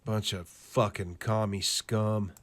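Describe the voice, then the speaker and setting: A man hosting a current-events video, ranting with profane, scornful and sarcastic commentary over clips, reading lists in a steady cadence. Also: lowish voice, slow.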